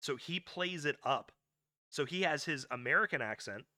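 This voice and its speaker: Male co-host, very bright tone, dry close mic, stop-start explainer. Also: fairly high pitch, lively intonation, dry recording. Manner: halting, many restarts and fillers while explaining. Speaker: podcast co-host. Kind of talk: casual pop-culture chat.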